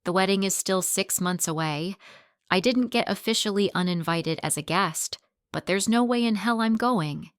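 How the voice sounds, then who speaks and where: A woman reading a first-person story aloud in plain, steady storytelling. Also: medium pitch, normal speed, no room sound, studio quality. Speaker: narrator.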